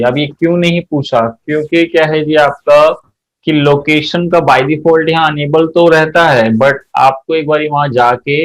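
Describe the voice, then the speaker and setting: A man teaching an accounting software class, walking through each step and quizzing his students as he goes. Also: on the high side, low-quality recording. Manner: explains step by step, often checks students' answers. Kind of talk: software tutorial lesson.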